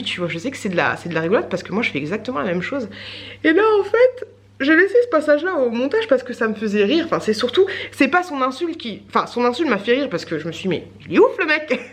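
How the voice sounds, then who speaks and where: A woman vlogger in her thirties, chatting casually to camera in a rambling way with lots of fillers and little laughs. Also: medium pitch.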